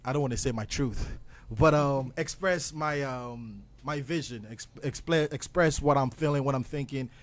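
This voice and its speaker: A man's voice: mid-range voice, normal speed, hardly any pauses. A young man from Ghana, a guest, talking earnestly and reflectively in a casual interview, with plenty of ums and restarts. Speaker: guest music producer.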